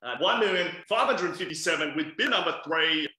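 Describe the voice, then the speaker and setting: A bright, sharp-toned man in his thirties runs a property auction over a webcam, coaxing and pushing bidders along. His voice sits fairly high, and the room around him rings with echo. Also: animated, brisk. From Australia. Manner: persuasive, coaxing buyers with repeated bid calls. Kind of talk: live property auction calling. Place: indoors by a large glass window. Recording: echoey room sound.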